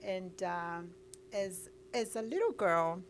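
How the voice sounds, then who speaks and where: Her voice fairly low and slow, with a faint hiss or hum in the audio, a middle-aged Kenyan-accented woman recounts her life as an interview guest. She tells it sincerely, with many "uh"s along the way.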